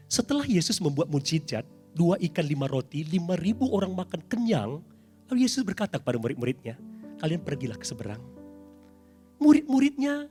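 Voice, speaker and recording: A middle-aged man preaching a sermon as pastor in a church, dramatic and animated, with sudden loud highs.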